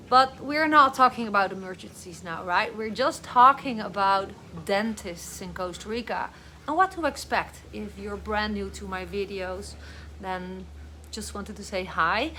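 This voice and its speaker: A woman's voice: medium pitch, noisy background. A woman from the Netherlands, chatting casually and rambling on a live video while a bit groggy from painkillers. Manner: chatty, rambling, with many fillers. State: groggy on painkillers after dental work. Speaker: vlogger and online business coach. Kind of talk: casual live-stream talk. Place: home, with dogs nearby.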